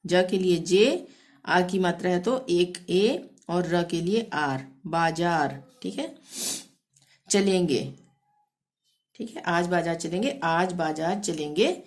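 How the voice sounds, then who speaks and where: A woman teaching a language lesson, spelling words letter by letter and repeating phrases slowly and patiently. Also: on the low side, darkish tone. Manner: repeats "theek hai" to check understanding. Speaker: Hindi teacher.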